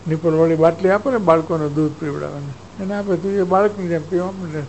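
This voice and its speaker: A man's voice: fairly high pitch, fast talker, a little mellow, slight background noise, low-quality recording. A man, a spiritual teacher giving a discourse who tells stories and acts out exchanges. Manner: storytelling, acts out exchanges, chuckles.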